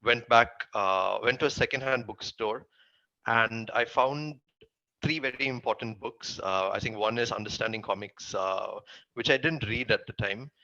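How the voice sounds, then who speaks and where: A man's voice: medium pitch, normal speed, bright, forceful tone, no room sound, highs cut off. A man with a Tamil accent giving casual interview answers as a guest, recounting his work. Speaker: interview guest, comic writer.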